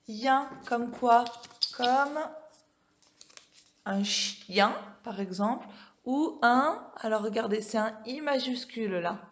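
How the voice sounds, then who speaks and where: A woman teaching a home-school reading lesson to young children, stretching out sounds slowly and checking in with them often. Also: on the high side. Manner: slow, careful, drawn-out pronunciation of sounds; checks in with frequent questions to children. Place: classroom with a board.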